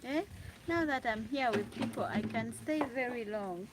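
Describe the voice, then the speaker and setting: A woman's voice: fairly high pitch, normal speed, heavy background noise. A Ugandan woman hosting a casual livestream from her room, chatting with viewers, reading out their comments and laughing often. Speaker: livestream host. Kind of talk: casual live chat with viewers.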